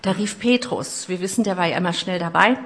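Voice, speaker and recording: A middle-aged woman preaching a sermon, retelling a story with personal asides, moving between loud emphasis and hushed lines. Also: on the low side, a little fast.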